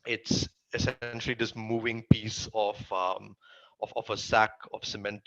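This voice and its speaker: A man's voice: on the low side, flat delivery, measured pace, fairly bright tone, poor audio. A man with a Tamil accent giving casual interview answers as a guest, recounting his work. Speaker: interview guest, comic writer.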